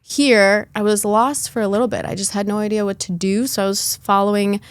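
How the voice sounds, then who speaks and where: A woman's voice: mid-range voice, fairly even intonation, fairly quick, clean tone, dry recording. A young adult woman speaks as a podcast guest, telling her story in a candid, chatty way, with easy fillers and a mid-range voice. The sound is dry and close, with no room around it. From born in Lithuania, raised in Chicago. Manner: earnest, chatty, with light laughs and fillers.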